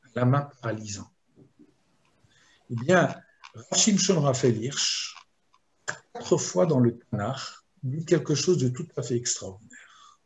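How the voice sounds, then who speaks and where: A man teaching a Torah lesson as a rabbi, explaining slowly and chanting Hebrew verses in between. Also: medium pitch, animated. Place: video lesson.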